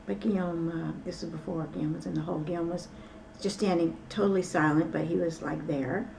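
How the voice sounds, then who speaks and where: A woman with a low, gravelly voice tells a long story in a loose, rambling way, stopping often for fillers and side remarks. She sits a little back from the mic, and a faint hiss of room noise runs under her words. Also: fairly even intonation, brisk, a little mellow, recorded from a distance, rough recording. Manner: rambling, with many fillers and asides. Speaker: interview guest. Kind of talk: casual storytelling.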